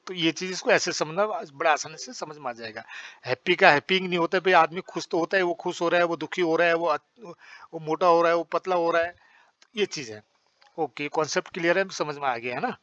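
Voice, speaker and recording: A man's voice: on the high side, fairly quick, fairly bright tone, no echo. Man, English teacher, patient repetitive explaining, dull dry recording. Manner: explains patiently, repeats phrases, checks understanding. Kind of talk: spoken English lesson in Hindi.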